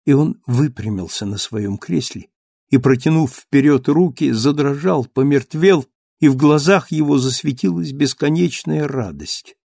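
A man narrating a classic novel as an audiobook with steady, measured delivery. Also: mid-range voice, creaky, no echo, clean studio sound.

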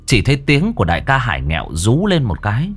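A man's voice: mid-range voice, huge pitch swings, fast talker, slightly rough, faint music behind. A man narrating a ghost story in a dramatic storytelling manner.

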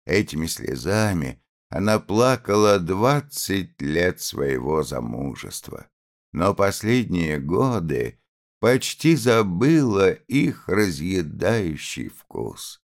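A man narrating an audiobook of a classic novel in a measured, expressive reading. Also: low-pitched.

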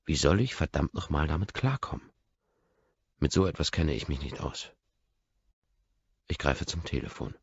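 A man's voice: very deep voice, lively intonation, normal speed, long pauses, slightly rough, no echo. A man narrating a first-person audiobook in a brooding, intense inner-monologue manner, in a dull lo-fi recording.

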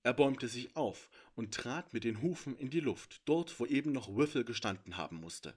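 Casting: male audiobook narrator, measured, lively intonation. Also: medium pitch. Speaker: author and narrator.

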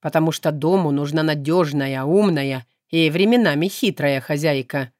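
Lady reading a chill arrogant demon guy, low flat calm voice, audiobook. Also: no echo, clean studio sound, close to an everyday voice. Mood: cool. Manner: unhurried, detached, flat delivery. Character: calm aloof male demon, cool and self-assured.

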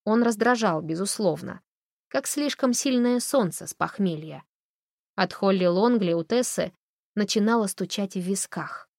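A woman narrating an audiobook in an even, expressive storytelling manner. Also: medium pitch, measured pace, gravelly, no echo, clean studio sound.

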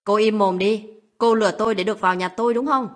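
A woman voicing a harsh older mother-in-law who yells cold insults at her daughter-in-law in a spoken story. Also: fairly high pitch, brisk, breathy edge. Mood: contemptuous. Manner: shouting, cold and abusive.

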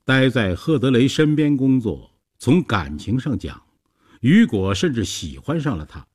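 A man reading a story aloud as a narrator, in a steady, measured way. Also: mid-range voice, breathy edge.

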